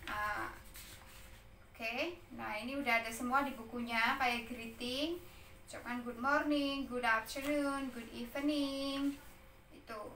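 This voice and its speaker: A woman's voice: on the high side, steady tone, slow pace, sharp tone, reverberant, recorded from a distance, slight background noise. A woman teaching English to young pupils, patiently explaining exam material, often checking in with little tag words. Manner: patient, repeats and checks with "ya" and "nah".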